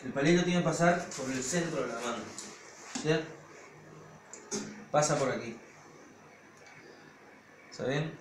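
Counting beats out loud, an Argentine man teaches drum technique in a hands-on lesson, walking through each step. He speaks on the high side at a measured pace with long pauses, amid background noise and loud drumming that echoes around the room.

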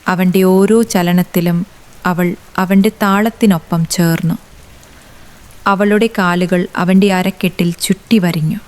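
A woman reading a romance story aloud as scripted narration, with a measured, unhurried delivery. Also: on the low side, fairly even intonation.

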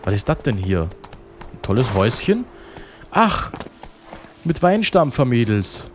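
A man's voice: mid-range voice, big pitch swings, moderate pace, a little mellow, a little hiss or hum. A man giving casual, joking gameplay commentary and reading game text aloud. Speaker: let's play host.

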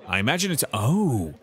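A male streamer plays a detective game live and talks through the clues as he goes. His voice sits at an ordinary pitch but swings up and down a lot, and he breaks off and restarts his sentences often while thinking aloud. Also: a bit bright.

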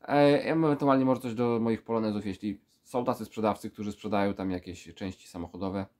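Man, thirties, lowish pitch, blocked pinched-nose sound, sick and weak, casual rambling vlog talk. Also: fairly even intonation, brisk, a little mellow. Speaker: vlogger. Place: small room with full shelves, indoors.

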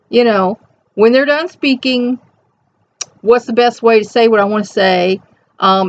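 Chatting reflectively to camera with rambling, conversational asides, a middle-aged woman with a high, soft voice reads out an inspirational reflection and comments on it. The setting is a small, cluttered room at home, recorded with dull, lo-fi webcam sound.

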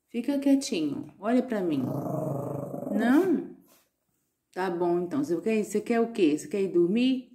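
A woman's voice: medium pitch, dark tone. A Brazilian woman vlogger talking to her grumpy dog in coaxing baby talk, breaking into dramatic exclamations. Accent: Brazilian Portuguese. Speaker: pet vlogger.

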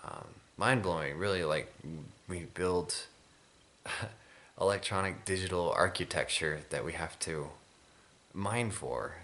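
A man in his twenties with a low, bright-edged voice. He sounds weary and drowsy, rambling hesitantly as he chats casually to a camera in a small room. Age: 20s. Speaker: video blogger. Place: small room indoors at home.

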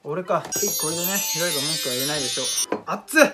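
A young man, chatting excitably and casually while cooking at home for his vlog. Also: on the high side, rapid-fire. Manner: excitable, chatty, exclaims often. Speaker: vlogger. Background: background music.

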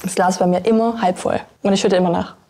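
A woman's voice: fairly low pitch, steady tone, fast, warm tone, slight background noise. Confident woman in a show interview. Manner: confident, upbeat self-presentation. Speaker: reality show contestant. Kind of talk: confessional interview.

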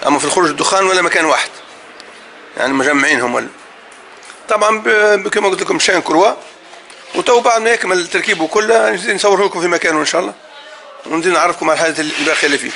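A man's voice: high voice, racing, creaky, pushed and bright, slight background noise. A man with a Tunisian Arabic accent, a car mechanic explaining an engine while stumbling over his words.

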